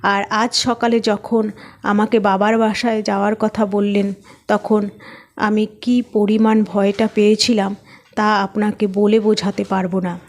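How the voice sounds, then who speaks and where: A woman's voice: mid-range voice, level tone, measured pace, lightly acted. A woman voicing a timid, anxious young wife who asks pleading questions in a read-aloud story.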